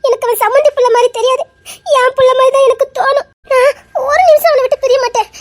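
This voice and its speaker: A woman's voice: very high voice, steady tone, brisk. A woman voicing a timid, frightened young wife with a Tirunelveli Tamil accent, in a web-series drama. She sobs and speaks hesitantly. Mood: tearful. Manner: sobbing, hesitant.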